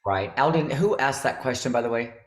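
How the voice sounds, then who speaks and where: A man's voice: mid-range voice, expressive, brisk, echoey room. A man in his fifties, a veteran music teacher hosting a video call, talking in a rambling, chatty way full of fillers. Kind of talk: casual video-call chat.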